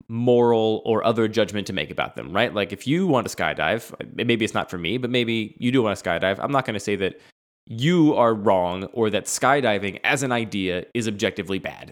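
A man's voice: fairly low pitch, normal speed. A man co-hosting a casual conversation, working through his argument and laughing often. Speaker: podcast co-host.

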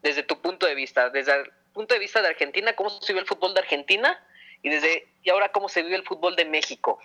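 Very bright man asking questions. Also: high voice, fast. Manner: rambling, repeating his question. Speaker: podcast co-host. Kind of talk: casual podcast chat.

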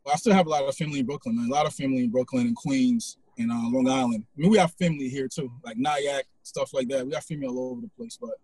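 The host here is a Haitian man in his forties whose mid-range voice is slightly rough; the audio is poor but has no echo. He keeps the interview chat fast, relaxed and full of fillers as he talks with his guest.

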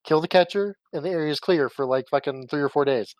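A man co-hosting a casual gaming podcast, talking in an animated way, laughing often and swearing. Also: on the high side, quick pace, no room sound. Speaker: podcast co-host. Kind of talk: casual game discussion.

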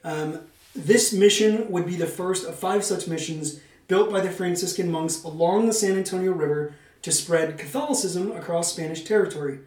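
A man's voice: sits high, normal speed, darkish tone. A man hosting a podcast, mixing semi-scripted narration with casual, playful banter and a theatrical turn of phrase. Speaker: podcast host. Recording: roomy echo, distant microphone.

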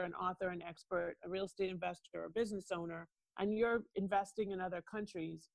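This international lawyer and mobility strategist from Toronto talks with a Canadian accent as a guest on a podcast, confidently describing her work and addressing listeners directly. Her voice is fairly low with vocal fry, in a rough recording that has no room sound.

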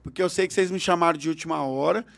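A man's voice: on the high side, rapid-fire, vocal fry. A man, a stand-up comedian telling brash, crude stories in a podcast interview. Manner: brash, joking, crude humor. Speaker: stand-up comedian and radio host. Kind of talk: comic storytelling in a podcast interview.

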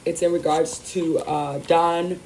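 Female spiritual host, worn rough voice, lowish and unhurried, emphatic affirmations, faint noise behind. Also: little pitch movement, a little mellow, poor audio. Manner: affirming, emphatic, repeats phrases. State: voice worn and rough after a weekend of celebrating. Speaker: host of a spiritual card-reading show. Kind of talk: upbeat spiritual talk, weekly card reading.

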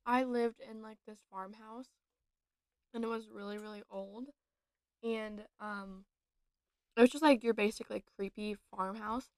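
A woman's voice: mid-range voice, fairly even intonation, measured pace, long pauses, darkish tone, dry recording. A young woman co-hosting a podcast, telling a story casually and filling it with "like" and "um". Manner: chatty, many fillers and likes. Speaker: podcast co-host.

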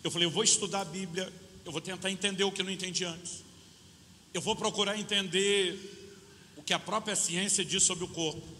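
High-voiced Brazilian pastor preaching in a hall. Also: male voice, fairly even intonation, fairly quick, bright, forceful tone. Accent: Brazilian Portuguese. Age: 50s. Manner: storytelling preacher acting out both sides of a dialogue. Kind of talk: sermon. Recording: reverberant hall with faint noise.

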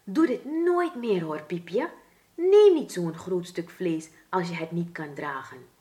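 Surinamese dutch lady doing a stern dad mouse, storybook, scolding, slow. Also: fairly low pitch, animated, dark tone. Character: stern father mouse scolding his daughter. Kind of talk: children's storybook reading.

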